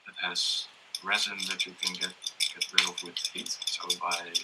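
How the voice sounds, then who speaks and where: A man explaining step by step how to prepare and solder a coil, talking hesitantly with many pauses and fillers. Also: low voice, level tone. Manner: hesitant, many ums and restarts, laughs often. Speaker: workshop presenter. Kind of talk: hands-on electronics demonstration. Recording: faint background noise and tool clicks.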